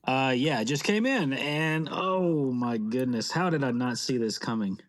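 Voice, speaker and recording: A man talks casually as a podcast co-host, rambling and laughing easily. His voice is mid-pitched and ordinary, and he gets excitable in conversation. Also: a little slow. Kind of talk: casual chat.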